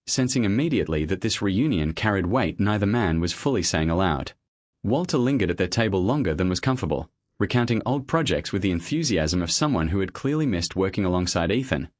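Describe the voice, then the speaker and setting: A man reading a scripted story aloud in a measured, even storytelling manner. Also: lowish voice, dry recording, studio quality. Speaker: narrator.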